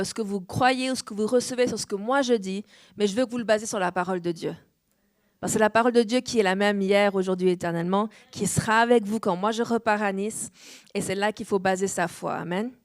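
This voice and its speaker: A woman pastor in her thirties from France, preaching a sermon with an easy, earnest manner and a light French accent, full of amens and little pauses. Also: medium pitch. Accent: French, slightly shifting. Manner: warm, earnest preaching with frequent "amen" and "euh". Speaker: guest pastor. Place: church hall.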